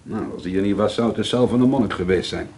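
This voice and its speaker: The lead actor in a radio drama narrates in first person as a troubled, bitter schoolteacher and painter, hesitant and confiding, repeating himself as he broods through monologue and dialogue. His fairly low, darkish, slightly rough voice moves quickly in a reflective mood. The old radio play recording is noisy.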